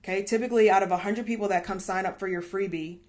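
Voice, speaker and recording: A woman's voice: mid-range voice, steady tone, fast talker. A woman coaching a marketing training class in a chatty, upbeat way, checking in often with "okay?" and correcting herself as she goes. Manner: thinks out loud, corrects herself mid-stream. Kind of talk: live training lesson.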